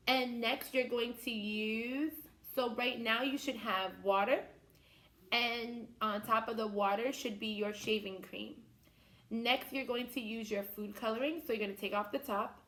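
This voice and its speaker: A woman's voice: on the high side, fairly bright tone. A woman teaching young children step by step, in the manner of a kids show host. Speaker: children's teacher hosting a science activity.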